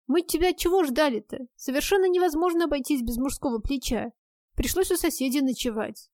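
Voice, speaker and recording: A sarcastic, outspoken young woman friend grumbles and teases, put on by a woman narrating a storybook. Her voice sits high and sharp-tongued. The sound is close and dry. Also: fairly quick, dry recording, lightly acted. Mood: mocking. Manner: blunt, mocking, grumbling.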